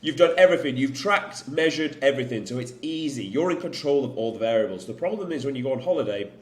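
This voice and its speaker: Northern english guy ranting straight to camera, swears a lot, mid pitch, echoey room. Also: animated, fast talker. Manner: blunt and swears often. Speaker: fitness coach. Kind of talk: unedited talking-to-camera vlog.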